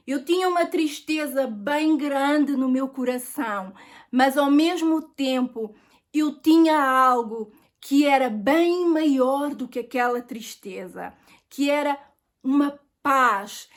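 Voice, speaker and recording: A woman's voice: high-pitched, slow. A middle-aged woman with a European Portuguese accent, telling an earnest personal faith testimony and addressing viewers as friends.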